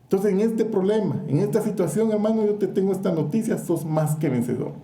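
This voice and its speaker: High-voiced Guatemalan preacher, echoey church. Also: male voice, a little fast, dark tone. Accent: Guatemalan Spanish. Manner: fervent, questions the congregation directly. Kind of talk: sermon.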